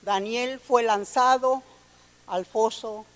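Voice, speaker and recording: A woman's voice: fairly high pitch, steady tone, takes it slowly. A woman preacher delivering a sermon, reading scripture aloud and calling her listeners brother and sister. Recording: long hall reverb.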